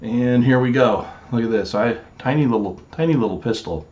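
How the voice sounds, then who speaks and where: In this indoor vlog, a storage unit reseller in his forties handles items on camera in his small home office, talking in a loose, filler-heavy show-and-tell style. He has a mid-range voice and a moderate pace, and the audio comes across dull.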